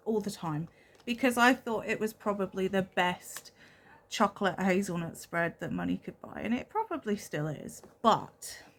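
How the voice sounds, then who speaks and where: A woman's voice: medium pitch, fairly bright tone. A young woman from England, chatting casually and self-deprecatingly as she shows off a shopping haul on her vlog. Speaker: vlogger.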